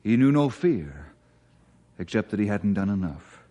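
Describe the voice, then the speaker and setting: A kind, steady forest ranger from an old radio play, reading slowly and solemnly in a low, mellow voice. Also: male voice, dull audio. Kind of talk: 1950s radio drama acting.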